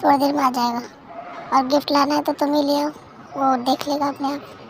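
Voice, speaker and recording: A woman's voice: high voice, flat delivery, moderate pace, slight background noise, poor audio. A woman voicing a curt, moody middle-aged father who snaps at his sons. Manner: curt and gruff.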